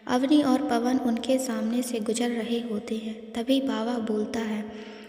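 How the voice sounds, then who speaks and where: A woman narrating a story in an even, unhurried storytelling manner, recorded in an echoey room. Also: a little high, soft background music. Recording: echoey room with long reverb.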